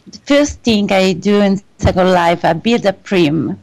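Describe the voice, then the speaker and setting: A woman from Italy speaking English with an Italian accent in an interview, halting and hesitant with many fillers and frequent small laughs. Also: medium pitch, a little mellow, poor audio. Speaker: guest fashion designer. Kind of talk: interview conversation.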